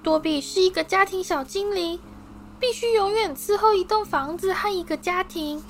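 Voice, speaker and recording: Dobby, a woman doing a shrill little house-elf. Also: moderate pace, slight background noise. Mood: anxious. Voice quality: high and shrill. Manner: squeaky, overwrought, deferential. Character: small servile excitable male house-elf, tearful.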